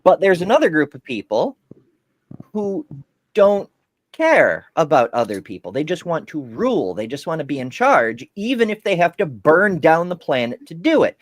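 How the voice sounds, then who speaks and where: Give me a profane, rambling male podcast co-host with an animated, dry voice. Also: a little high, normal speed, dry recording. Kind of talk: casual chat.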